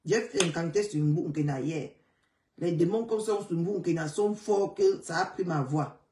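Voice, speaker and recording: A hoarse woman hosting a casual live chat, greeting viewers by name and repeating calls to share. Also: lowish voice, normal speed, warm tone, far from the mic, a little hiss or hum. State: hoarse, voice partly gone. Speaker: livestream host. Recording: roomy sound, away from the mic.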